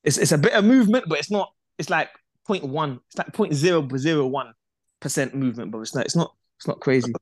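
A young man rattles through a casual football chat at speed, his voice sitting slightly high. He repeats himself and keeps tossing in "bruv" and "bro". The recording is dry and close, with no room sound. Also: fast, no echo. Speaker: podcast co-host.

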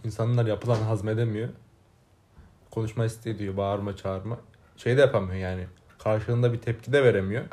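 A man's voice: lowish voice, fairly even intonation, brisk, a little mellow. A young man chatting casually as a co-host, agreeing a lot and laughing often. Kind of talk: casual chat.

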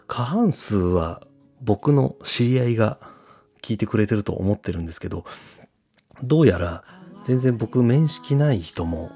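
A deep-voiced man hosts a laid-back solo radio talk, answering a listener in an easygoing, chatty manner. He often fills pauses with a drawn-out "um", and soft guitar music sits faintly underneath. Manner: relaxed and chatty, frequent "um" fillers. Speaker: podcast radio host.

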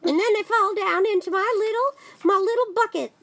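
A woman's voice: extremely high pitch, brisk, a bit bright. A woman voicing a goofy non-human creature host with a little cold, telling silly jokes in a playful kids' chat show.

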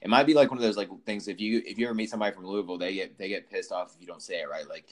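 A man's voice: low-pitched, rapid-fire. A man hosting a casual sports podcast, asking easygoing, rambling questions. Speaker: podcast host.

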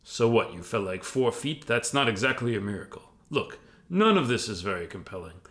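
A man's voice: fairly low pitch, sing-song, fairly quick, fairly bright tone. A man voicing an intrusive, sardonic talking hat that reads minds, drawling and dismissive in a scripted parody audio story. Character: intrusive, bored, sardonic telepathic sorting hat.

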